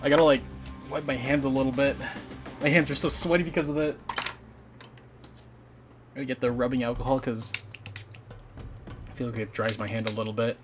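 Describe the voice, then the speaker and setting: With frequent pauses, a young man talks in a steady, mid-range voice at a moderate pace while building a model kit live. He rambles and swears a little, with faint game music in the background.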